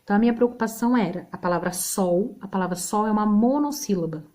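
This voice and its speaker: A woman's voice: mid-range voice, quick pace, warm tone. Patient Brazilian woman teaching spelling. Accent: Brazilian Portuguese. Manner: patient, checks in with "tá?" often. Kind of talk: recorded remote spelling lesson.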